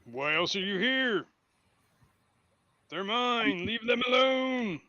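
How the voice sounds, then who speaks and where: A man voicing a hostile male undead guardian who hoards treasure, speaking slowly and menacingly. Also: high-pitched, expressive, sharp tone, no echo, muffled recording, voice pushed up, heavily acted. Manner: slow, menacing, possessive.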